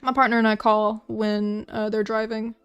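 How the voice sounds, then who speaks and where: A woman's voice: on the high side, flat delivery, normal speed, clean tone, highs cut off, soft background music. A young woman streaming while she draws, chatting casually with viewers in a rambling, self-deprecating way, full of restarts. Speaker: art streamer. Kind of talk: casual livestream chat while drawing.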